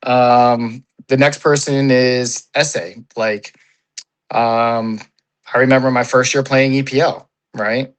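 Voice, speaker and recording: A man's voice: mid-range voice, steady tone, slow pace, low-quality recording. A man talking as an interview guest, rambling and swearing freely, with constant "you know" and "like". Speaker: paintball player, interview guest. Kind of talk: casual interview.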